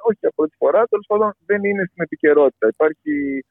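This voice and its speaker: Male analyst from Greece, slightly high-voiced, hesitant interview delivery, thin telephone sound. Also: gravelly, no room sound. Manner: halting, searching for words. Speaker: pollster and election analyst giving an interview. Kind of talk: spontaneous political analysis in an interview. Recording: tinny, band-limited phone line.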